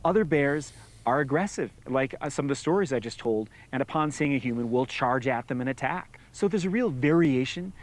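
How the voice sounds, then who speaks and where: A man's voice: mid-range voice, a little fast. A man with a mid-range voice explains outdoor safety in an easygoing, explanatory tone. He drops in little acted-out lines to make his points. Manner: relaxed, explanatory, acts out little quoted lines. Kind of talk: informative explanation.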